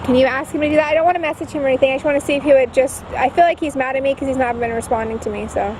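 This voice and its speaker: A woman's voice: high-pitched, fairly even intonation, racing. A woman chatting casually on a phone call, hesitant and full of questions. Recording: noisy phone call recording.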